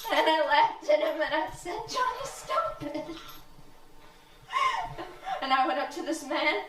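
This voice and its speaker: An actress playing a terrified young woman recalling her brother's attack, halting and breathless on a theatre stage. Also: high voice, very animated, a bit bright, exaggerated voice. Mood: dazed, haunted. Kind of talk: live stage acting. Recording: echoey theatre from far off.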